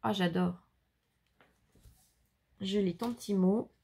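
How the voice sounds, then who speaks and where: A woman's voice: mid-range voice, steady tone, slow, vocal fry, warm tone, breathy edge. A woman showing off handmade bookmarks in a casual vlog, admiring each one in detail. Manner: gushing, admiring, describes crafts in detail. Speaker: scrapbooking vlogger. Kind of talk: casual unboxing chat.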